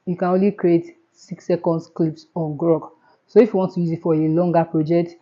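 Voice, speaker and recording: Nigerian-accented woman, chatty tutorial host, slightly low voice, dull lo-fi sound. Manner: chatty, repeats herself, step-by-step. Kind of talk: casual screen tutorial.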